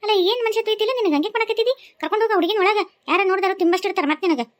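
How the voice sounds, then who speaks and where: A high-voiced, rapid-talking village matriarch scolds her neighbors in a North Karnataka Kannada accent, as a woman acts her out. She is a loud, stern cartoon elder. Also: fairly even intonation. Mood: scolding. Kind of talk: cartoon voice acting.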